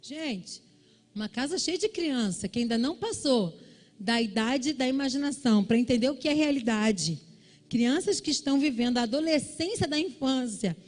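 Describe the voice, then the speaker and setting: A woman pastor from Brazil preaching a sermon, telling a family story and acting out the shouting relatives in a high voice. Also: animated, moderate pace. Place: church service.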